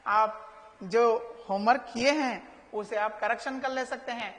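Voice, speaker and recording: Patient teacher, echoey room. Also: female voice, fairly high pitch, a bit bright. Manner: slow, patient explaining with rhetorical questions to pupils; reads English sentences slowly and carefully. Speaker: school English teacher. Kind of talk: recorded online class for children.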